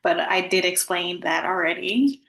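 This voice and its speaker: A soft-spoken woman chatting casually in a food vlog, talking at a low volume. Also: unhurried, creaky, rough recording. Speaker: vlogger.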